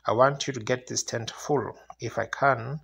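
A male evangelist preaching a revival sermon to a congregation in an earnest, questioning manner, with a raspy, gravelly voice. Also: medium pitch, steady tone, moderate pace, fairly bright tone. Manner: earnest, asks listeners rhetorical questions.

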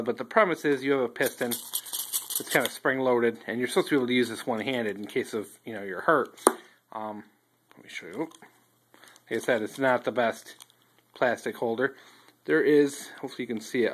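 Rambling man showing gear on a phone. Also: mid-range voice. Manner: relaxed, rambling, many ums and restarts. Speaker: outdoors gear reviewer. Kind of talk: casual show-and-tell review. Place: indoors at a wooden table. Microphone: handheld phone filming table close up.

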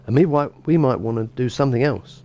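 A middle-aged bishop delivers an informal, relaxed sermon in a small church, speaking fast in a mid-range voice. He talks conversationally, often restarting sentences and saying "you know."

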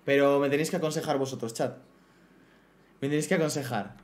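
A man's voice: medium pitch, fairly even intonation, fast. A man from streaming a block-building game, chatting playfully with his viewers and talking to his in-game pets. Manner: chatty, playful, talks to his pet horse and the chat. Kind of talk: casual live gameplay chat.

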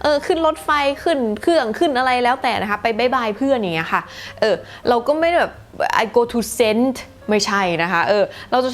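A woman hosting a casual English lesson podcast, talking in an easygoing, chatty way and dropping in example sentences. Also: a little high. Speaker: English teacher.

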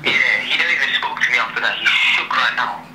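A young man at medium pitch talks fairly quickly on a casual phone call, using slang, repeating himself and closing sentences with "yeah" and "innit". The phone speaker is held up in a room, giving a noisy, echoey recording.

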